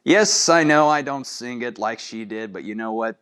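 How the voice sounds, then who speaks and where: A man's voice: medium pitch, moderate pace, fairly bright tone, smooth. A man hosting a casual solo show of fan trivia, chatty and putting questions straight to his listeners. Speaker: podcast host.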